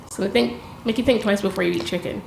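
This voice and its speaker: A woman's voice: mid-range voice, fast, gravelly, darkish tone, slight background noise. A woman hosting a podcast, chatting and teasing her guest in a playful, jokey way. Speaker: podcast host. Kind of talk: casual podcast chat.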